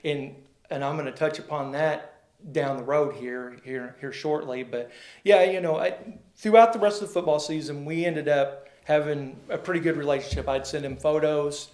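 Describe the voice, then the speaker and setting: A man's voice: on the high side, normal speed, a little mellow. Folksy man telling stories in a roomy space. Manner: rambling, folksy, acts out quoted dialogue. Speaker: sports photographer guest. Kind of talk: casual storytelling interview. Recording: roomy echo.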